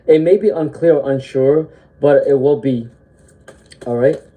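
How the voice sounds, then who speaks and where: A tarot reader doing a live-stream reading while fighting a cold speaks in a mid-range voice, a little slowly, on a low-quality recording. She sniffles, says "um" often, and ends sentences with a checking "okay?", keeping her delivery gentle and reassuring.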